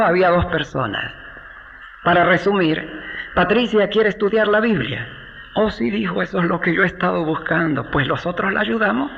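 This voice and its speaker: A male pastor telling a sermon story with a high, very gravelly voice. He slows down for emphasis and acts out the people he quotes. The recording sounds dull and lo-fi, with faint noise underneath.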